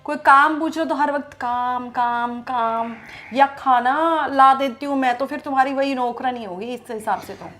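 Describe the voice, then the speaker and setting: A woman's voice: high-pitched, normal speed, hardly any pauses, a bit bright. A woman playing a neglected, reproachful young wife. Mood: complaining. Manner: coaxing, complaining, reproachful. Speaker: actor in short film. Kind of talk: domestic drama acting.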